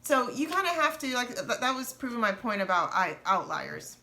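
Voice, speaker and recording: A woman in her thirties speaks in a bright, clear voice, relaxed and conversational. She is candid and earnest as she lays out her story, casual rather than polished. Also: on the high side, moderate pace. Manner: earnest, candid, laughs nervously at times. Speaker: co-host of a personal finance channel.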